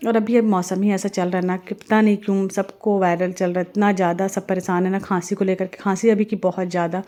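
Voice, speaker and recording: Woman, middle-aged, from India, family vlog voice-over, chatty, rambling, mid-pitched. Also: level tone, a little fast. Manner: chatty, rambling, warm-hearted advice with religious phrases. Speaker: family vlogger and mother. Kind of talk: casual voice-over while cooking.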